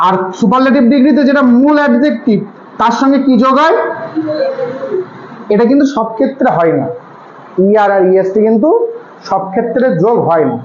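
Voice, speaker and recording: A man's voice: extremely high pitch, lively intonation, fairly quick, long pauses, a little hiss or hum. A man tutoring a class on grammar, asking his students questions and answering them himself. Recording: echoey room, slightly dull sound.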